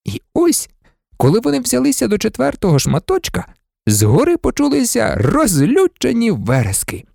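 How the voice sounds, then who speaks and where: A man narrating an audiobook in a dramatic, expressive way. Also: very high voice, normal speed, gravelly, no echo, studio quality. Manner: dramatic, lively.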